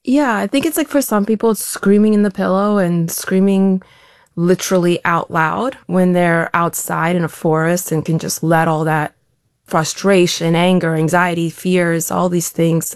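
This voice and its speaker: Low gravelly woman, reflective guest. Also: fairly even intonation, moderate pace, no echo, studio quality. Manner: reflective, open, with frequent restarts. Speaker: guest, elite athlete. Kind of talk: candid interview answers.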